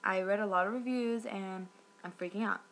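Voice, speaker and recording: A woman's voice: mid-range voice, steady tone, moderate pace, a bit bright, a little hiss or hum. A young woman reviewing a product in an upset, sarcastic rant, swearing as she tells what happened, at home.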